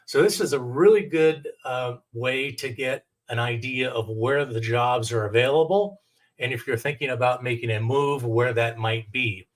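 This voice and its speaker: A man's voice: medium pitch, moderate pace. Middle-aged American man presenting step by step. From United States, Oregon. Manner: courteous, explanatory, step-by-step. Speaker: technical director and adjunct lecturer. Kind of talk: instructional presentation with screen share.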